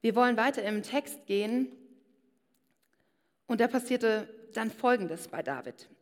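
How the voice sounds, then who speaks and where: A woman's voice: fairly high pitch, lively intonation, a little slow. A woman giving a personal sermon and speaking straight to her listeners. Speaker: preacher. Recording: long hall reverb.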